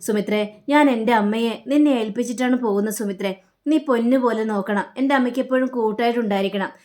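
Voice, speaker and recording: A woman's voice: a little high, fast talker, a little mellow, natural voice. A woman narrator voicing a dutiful grown son who speaks earnestly and entreatingly.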